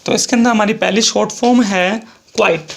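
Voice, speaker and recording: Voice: medium pitch, steady tone, brisk, vocal fry, slight background noise. A shorthand teacher with an Indian accent explaining a lesson step by step, repeating each example and spelling words out letter by letter.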